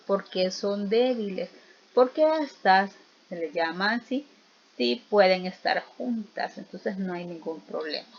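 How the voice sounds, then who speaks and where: A woman teacher giving a recorded lesson, explaining slowly and patiently and stressing each example word. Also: mid-range voice. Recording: slightly dull lo-fi audio.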